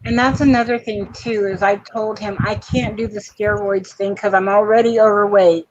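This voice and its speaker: A woman's voice: mid-range voice, steady tone, moderate pace, a little hiss or hum. Frank, wry woman on a dull line. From Florida. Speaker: guest in chat. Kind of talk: casual chat.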